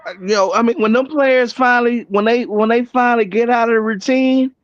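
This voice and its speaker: A man's voice: very high voice, fairly even intonation, brisk, dry recording, highs cut off. A man in casual sports chat, talking emphatically and repeating himself for effect, on a remote call mic.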